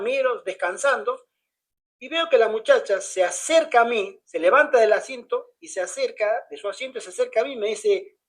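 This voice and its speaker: Animated storytelling man. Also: very high-pitched, poor audio. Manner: animated, acts out the dialogue of others. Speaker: pastor. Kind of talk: storytelling in casual conversation.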